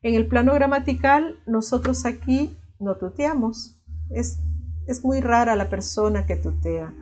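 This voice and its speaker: Salvadoran woman teacher, mellow and warm tone, explanatory online class with frequent tag questions and "eh" fillers. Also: on the high side, unhurried. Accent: Salvadoran Spanish.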